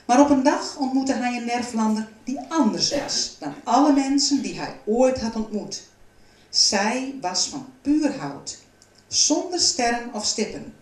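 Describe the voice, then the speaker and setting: A woman reading a children's storybook aloud in a calm, even narrating voice. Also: fairly high pitch, unhurried. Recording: roomy, from a distance.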